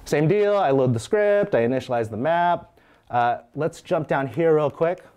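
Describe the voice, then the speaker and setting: A man's voice: fairly high pitch, expressive, normal speed, a little mellow, clear, resonant tone. A man in his thirties giving a live technical talk, walking through code in a conversational way and often checking in with "right?". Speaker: conference speaker. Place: meetup room with audience.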